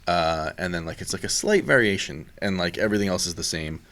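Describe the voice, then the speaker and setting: A man's voice: low voice, quick pace. A man co-hosting a podcast, talking casually and rambling a bit with lots of fillers. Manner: relaxed, rambling with many fillers. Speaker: podcast co-host. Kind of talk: casual chat.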